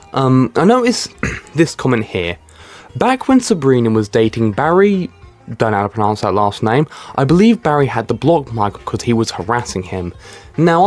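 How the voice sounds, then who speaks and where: Young male commentary vlogger, mocking and sarcastic, animated delivery, light music under him. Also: medium pitch. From Britain. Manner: sarcastic, mocking, swears freely. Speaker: YouTube commentary creator. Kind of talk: casual commentary reading out comments.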